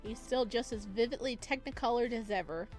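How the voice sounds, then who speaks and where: Over background music, a brisk woman with a fairly high voice plays a game and reads its visual novel story out loud. She's chatty and giggly, reacting aloud as she goes, in the relaxed style of a let's play host.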